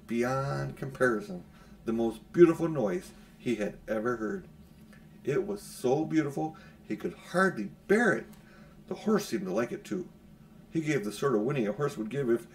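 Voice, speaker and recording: In a small, furnished room indoors at home, a middle-aged audiobook narrator reads a children's storybook aloud. He has a medium-pitched, slightly mellow voice.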